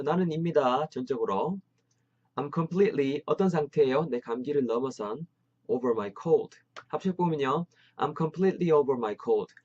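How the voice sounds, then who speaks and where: Energetic man teaching English phrases. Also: fairly high pitch. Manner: energetic, encouraging, drills phrases aloud. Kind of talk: online English lesson. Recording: slightly dull lo-fi sound.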